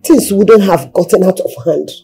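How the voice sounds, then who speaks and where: A woman's voice: mid-range voice, moderate pace, vocal fry, warm tone, faint music behind, close to an everyday voice. An actress with a Nigerian accent playing a tired mother who answers her husband back in short, curt retorts. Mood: weary.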